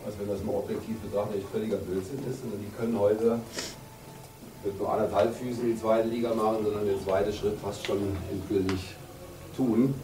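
A man in his fifties, a handball coach giving an emphatic, deliberate pre-game team talk with pauses for effect in a locker room. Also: on the low side, steady tone, over music. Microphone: camera a few metres away. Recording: roomy, distant camera mic, background noise.

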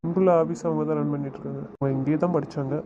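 Guy w an on a muffled phone call, talks fast, teasing and bossy, lots of noise behind. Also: on the high side, steady tone. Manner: teasing, bossy, gives repeated instructions. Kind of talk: casual phone conversation.

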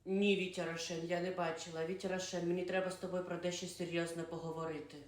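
A woman doing a soft-spoken young wife. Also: lowish voice, level tone, quick pace, close to an everyday voice. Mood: hesitant. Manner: quiet, gentle, hesitant. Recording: roomy echo.

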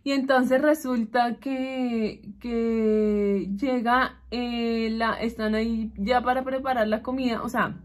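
A woman's voice: a little high, level tone, takes it slowly, hardly any pauses. A woman chatting casually and gossipily as she recaps a TV show while doing her makeup. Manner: chatty, gossipy, keeps saying "mi amor". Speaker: vlogger.

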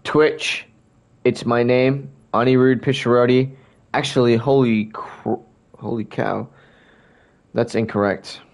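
Young man, game livestream chat, slow drawl, hiccuping, talking to viewers. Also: medium pitch, steady tone, a little mellow. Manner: rambling, talks to chat, keeps hiccuping and burping. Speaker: streamer. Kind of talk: casual livestream chat while gaming.

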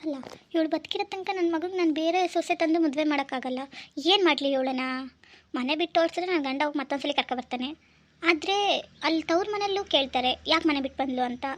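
A woman's voice: high-pitched, a bit bright. A woman voicing a scheming middle-aged mother-in-law who gloats in sly monologues as she plots murder, for a cartoon. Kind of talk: cartoon voice acting.

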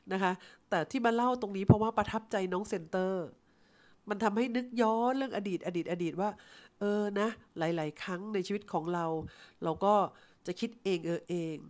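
A woman's voice: medium pitch, darkish tone. A middle-aged woman from Thailand telling a personal story and acting out both sides of the conversation. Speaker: insurance agent team leader. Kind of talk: storytelling talk.

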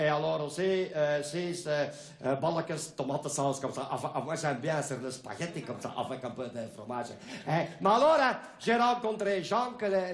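Halting man telling jokes. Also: a little high. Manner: halting, many restarts, chuckling. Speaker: stand-up comic. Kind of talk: amateur comic monologue with jokes.

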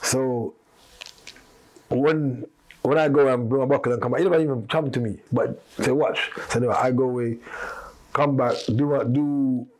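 A man's voice: medium pitch, fairly even intonation, moderate pace, darkish tone. A man, a podcast guest telling a long story in casual street slang, rambling and restarting as he goes.

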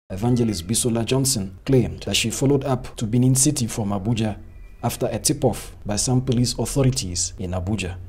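A man reading a news report in a steady, formal way. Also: fairly low pitch, slightly rough. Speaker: news narrator. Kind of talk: scripted news narration.

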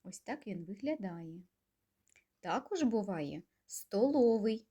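A woman kindergarten teacher leads a speech lesson for little children, her pitch rising and falling in a lively, singsong way. She speaks slowly and gently, asking coaxing questions and leaving pauses for the children to answer. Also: breathy edge.

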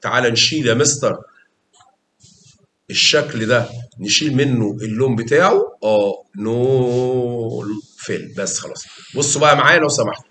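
A man's voice: mid-range voice, expressive, quick pace, bright, forceful tone, reverberant, slight background noise. A man with an Egyptian accent teaching a math lesson, coaxing students with questions and repetition. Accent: Egyptian Arabic. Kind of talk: lively classroom explanation.

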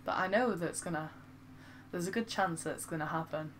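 Speaking a bit quickly in a Lancashire accent, a woman chats loosely over her game stream, teasing herself and reading viewer comments aloud as she responds to them. Her voice is somewhat low for a woman, and a faint background hum lingers throughout this casual live-stream talk.

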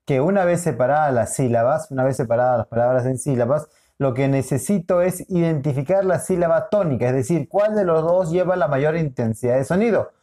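A man teaching a recorded lesson with a warm, mellow voice. He explains patiently, drawing words out, repeating each point and checking in with short questions. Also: a little high, a little fast, few pauses. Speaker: school teacher.

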